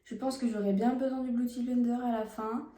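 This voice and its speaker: Her voice is a little high and mellow, with fairly even intonation and a fairly quick pace, and the space is reverberant. The young beauty vlogger records a casual makeup test on her phone at home, talking chattily and frankly as she applies products.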